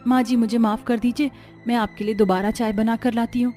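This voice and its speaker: A woman's voice: fairly high pitch, fairly even intonation, fairly quick, mellow, soft background music, lightly acted. A woman voicing a meek, simple young bride who pleads humbly with her mother-in-law. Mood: humble. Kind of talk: dubbed cartoon story voice.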